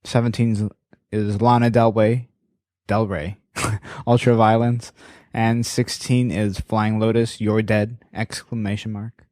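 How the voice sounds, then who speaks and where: A man's voice: fairly low pitch, level tone, measured pace, a little mellow, no room sound, studio quality. A man co-hosting a casual podcast, reading out a countdown list and giving short replies. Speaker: podcast co-host.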